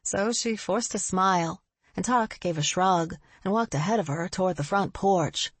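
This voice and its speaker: A woman narrating an audiobook in an expressive, husky voice on a close studio mic. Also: on the low side, moderate pace, no room sound.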